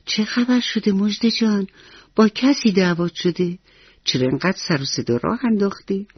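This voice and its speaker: A woman's voice: mid-range voice, slightly rough, no echo, lo-fi sound, natural voice. A woman voicing a loving old grandmother who speaks in a tender, reassuring way. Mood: surprised.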